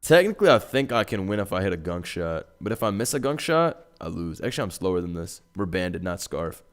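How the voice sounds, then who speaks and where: A young man doing live gaming commentary on a stream, full of slang and curses, dropping to low mutters and then shouting when a play goes wrong. His voice sits fairly low but jumps all over the place. Faint music plays under him. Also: fairly quick. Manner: excitable, profane, slangy, swings from mumbling to yelling.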